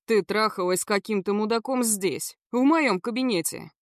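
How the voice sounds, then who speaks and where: A woman's voice: medium pitch, moderate pace, no echo, lightly acted. A furious male gangster growls threats through clenched teeth, as a woman narrator puts him on. His voice is cold and dead-sounding, and he is full of contempt. The recording is dry and close, like an audiobook.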